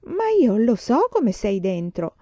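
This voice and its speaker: Brief: impulsive teenage girl, voiced by a woman reading aloud, emphatic, mellow tone, dry audio. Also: medium pitch, wildly swooping pitch, takes it slowly, no echo, lo-fi sound, full character voice. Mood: earnest.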